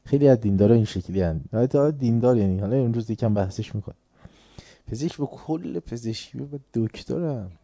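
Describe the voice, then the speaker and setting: Man, preacher, informal religious lecture, very dark mellow voice, dry close recording, rhetorical questions to listeners. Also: medium pitch, animated, no echo.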